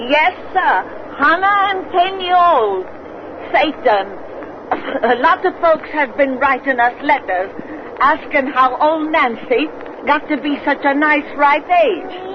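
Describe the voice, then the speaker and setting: A woman's voice: high-pitched, expressive. A woman playing a gleeful, folksy 110-year-old witch with a cracked, cackling voice, in old radio horror style. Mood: gleeful boasting. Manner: folksy rustic dialect, gleeful, drawn-out words. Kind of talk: 1930s radio horror acting. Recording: muffled, noisy old radio recording.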